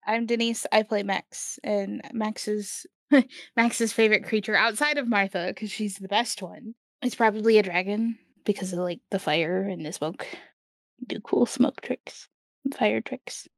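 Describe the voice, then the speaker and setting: A woman's voice: medium pitch, measured pace, creaky, no room sound, clean studio sound. A woman playing in a tabletop game podcast, giggly and laughing often. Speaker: player. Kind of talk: casual tabletop game chat.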